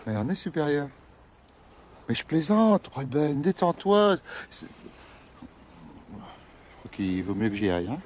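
A nervous French customs officer pleads and jokes in a slightly high, very lively voice that climbs into yelps when cornered. Faint outdoor noise sits under this film scene. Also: male voice, unhurried, long pauses. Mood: pleading. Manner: placating, wheedling, jokey. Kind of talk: film dialogue.

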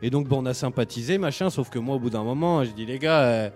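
Lively male storyteller, slangy and chatty, faint music bed. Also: mid-range voice, quick pace. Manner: animated, slangy, acts out people he met. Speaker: podcast host telling a road trip. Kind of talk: casual storytelling chat.

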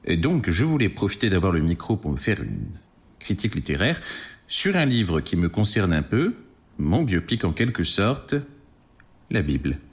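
A man's voice: low-pitched, very animated, normal speed. An actor playing God as a chatty, casual male deity in an audio fiction, talking offhandedly with fillers.

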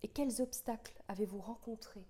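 A woman's voice: a little high, moderate pace, warm tone. A woman interviewer asking formal, prepared questions and reading out a quote.

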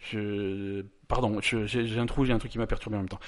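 A man's voice: on the low side, steady tone, fairly quick. A young adult man, co-hosting a casual gaming podcast, rambling with restarts and joking asides. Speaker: podcast co-host presenting the news.

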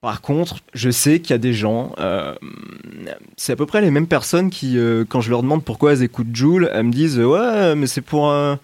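A man talks through a film review in a loose, conversational way, often stopping, restarting and filling pauses. His voice sits at an ordinary middle pitch for a man. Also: lively intonation, a little mellow. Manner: chatty, hesitant, many restarts and fillers. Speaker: film critic. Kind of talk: casual round-table film review.

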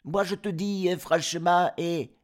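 A man voicing a bunch of cheeky young goat kids in a comic storybook reading, loud and mocking. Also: high voice, fairly even intonation, unhurried, pitched above the performer's own voice. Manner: cheeky, shouting, slangy.

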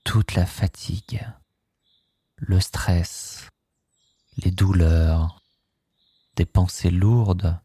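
A man guiding a sleep hypnosis session, speaking in a slow, soothing, hushed way. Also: low-pitched, steady tone, slightly rough, no room sound.

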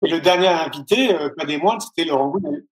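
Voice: mid-range voice, a little fast, echoey room. An interview host giving brief, friendly prompts and questions in a casual podcast chat.

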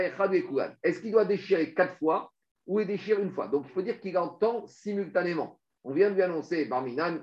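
Guy teaching talmud, high voice, talks fast and lively, kinda muffled recording. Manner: animated, rapid explanations mixing French with Hebrew and Aramaic readings. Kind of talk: Talmud study lesson. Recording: dull lo-fi recording.

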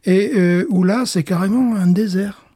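A man co-hosting a podcast in a relaxed, conversational way. His voice is somewhat high but mellow, and it sounds close and dry. He rambles and stumbles over repeated words as he goes. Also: normal speed, husky, dry recording. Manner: rambling, repeats words while searching for them. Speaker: podcast co-host. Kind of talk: casual chat.

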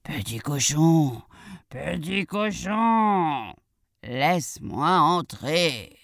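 A sly big bad wolf from a storybook, as a woman reader puts him on, with a slow drawl and a low, hushed tone. The recording is close and dry. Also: sing-song, no echo, exaggerated voice. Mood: menacing. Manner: slow drawn-out coaxing delivery.

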